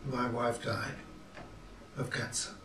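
In a short drama film, an actor plays a lonely, middle-aged widowed father committed to a psychiatric clinic, sounding dry, clipped, exasperated, and guarded. His mid-range voice is steady, slow, and close to an everyday voice. The recording is very noisy and reverberant, with the mic far away.

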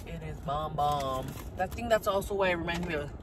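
A man's voice: on the high side, brisk. Man talking with his mouth full. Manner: relaxed, chatty, savoring food with hums. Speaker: mukbang vlogger. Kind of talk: casual eating vlog chat.

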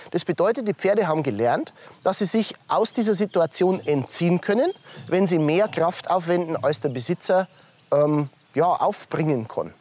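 Lively man coaching horse handling. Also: high-pitched, breathy edge. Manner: talks to the horse in soft praise between explanations. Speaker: horse trainer. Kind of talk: hands-on training demonstration. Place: outdoors with a horse.

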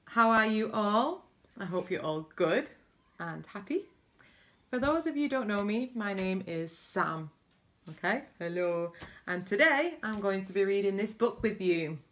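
A woman's voice: mid-range voice, expressive, measured pace, fairly bright tone. A woman reading a picture book aloud to children, adding chatty asides between the lines. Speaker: storybook reader.

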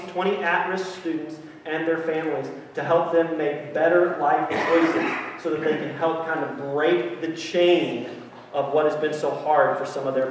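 A man's voice: on the high side, a little hiss or hum. A middle-aged male pastor preaching a sermon, earnest and grateful, with many restarts and ums. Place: large church sanctuary. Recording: echoey sanctuary from a distance.

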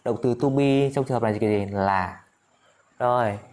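A man with a mid-range voice leads a casual spoken lesson in a chatty teaching manner. He drills short phrases by repeating them slowly, and keeps addressing his listeners directly. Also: mid-range voice, a little mellow. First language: Vietnamese. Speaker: English teacher.

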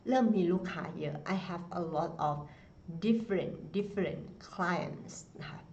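Female teacher, unhurried, lowish voice, repeats lines for learners; muffled lo-fi audio. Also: a little mellow, a little hiss or hum. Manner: reads English slowly, repeats phrases, then explains. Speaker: English teacher. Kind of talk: slow bilingual English pronunciation lesson. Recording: dull lo-fi sound.

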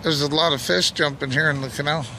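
Out at night on a bridge walkway, a man holding a camera or phone chats informally while filming his magnet fishing trip. He talks quickly in a slightly high voice that sounds pushed and bright, with fairly even intonation. Ambient hum and outdoor noise fill the recording.

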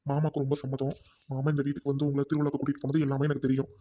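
A man's voice: medium pitch, monotone, racing, warm tone, natural voice. A man playing a devoted, hot-tempered younger brother who urgently pleads with his widowed sister. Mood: pleading.

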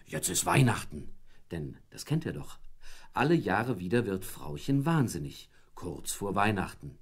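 A man tells a children's story with playful energy. His husky voice rises and falls in wide, animated swings. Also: lowish voice. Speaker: narrator.

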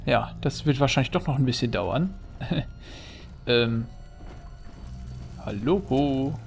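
A man's voice: mid-range voice, animated, slow pace, gravelly. A chatty man runs casual gameplay commentary as a let's play host, joking and humming nonsense tunes along the way. Faint music plays behind his voice.

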